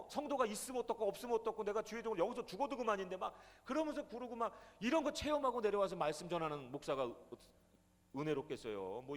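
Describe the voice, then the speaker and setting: A male pastor telling a testimony in a sermon, animated, swinging from loud to hushed. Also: a little high, big-room sound. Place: prayer retreat hall.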